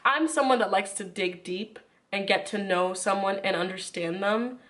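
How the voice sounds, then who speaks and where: A woman's voice: medium pitch, moderate pace, a bit bright. A woman chatting casually to viewers in an informal, rambling way with lots of "like", sick with a runny nose. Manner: informal, rambling, frequent filler "like". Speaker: YouTuber.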